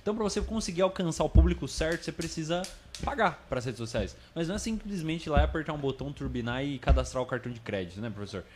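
A man's voice: on the high side, expressive, quick pace, faint music behind. A man, co-hosting a podcast in a casual, chatty style. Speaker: podcast co-host. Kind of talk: casual chat and sponsor read.

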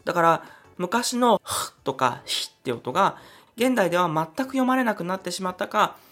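A man's voice: a little high, vocal fry, fairly bright tone, slightly rough. A man hosting a solo podcast, chatty and explaining things step by step. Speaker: podcast host.

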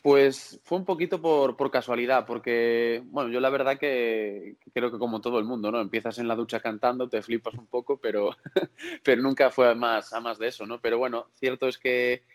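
A man's voice: mid-range voice, normal speed. A young man from Galicia, a singer interviewed on a podcast, who talks hesitantly, repeats words, and laughs often. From Galicia, Spain. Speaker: singer and guest.

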